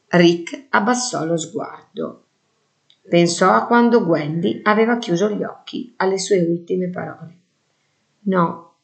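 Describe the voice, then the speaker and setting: A woman narrating a children's storybook in a calm, even reading voice. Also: on the low side.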